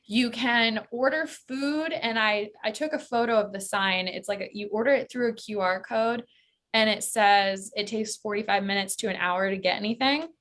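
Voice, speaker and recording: American woman, travel-expert guest; casual, filler-heavy chat, bright timbre. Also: mid-range voice, moderate pace. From United States. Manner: chatty, many fillers like "like" and "um".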